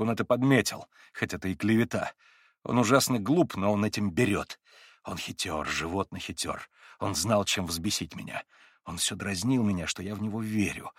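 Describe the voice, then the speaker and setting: A man voicing a feverish, tormented young man in an audiobook, husky and agitated, rising into anguished outbursts. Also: medium pitch, dry recording, clean studio sound. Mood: brooding. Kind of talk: audiobook character reading.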